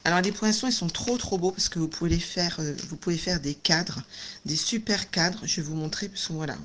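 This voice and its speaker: A woman's voice: on the low side, brisk. A woman hosting a casual craft video, chatty and enthusiastic, full of little fillers and exclamations. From France. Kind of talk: casual live unboxing chat. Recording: noisy home recording.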